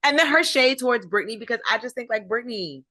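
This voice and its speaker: A woman co-hosting a podcast in casual chat, talking quickly and chattily. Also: fairly high pitch, expressive, sharp tone, no room sound. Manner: chatty and quick, laughs easily. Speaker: podcast co-host.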